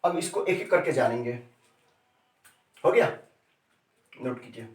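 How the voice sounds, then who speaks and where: Unhurried and lively in intonation, a mid-range male voice delivers a chemistry lesson, often repeating key terms and testing students with questions. It's recorded from afar in an echoing room.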